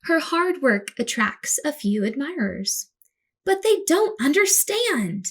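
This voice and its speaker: A woman storyteller reading a picture book aloud to children in an expressive, dramatic way, acting out the words with her voice. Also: sits high, slow, slight background noise.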